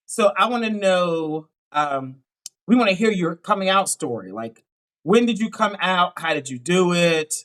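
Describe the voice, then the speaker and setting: This man's voice is high-pitched, expressive, and fairly bright, with a Pittsburgh accent. Hosting a live dating show as a dating coach, he fires off upbeat questions and keeps affirming with "okay, okay."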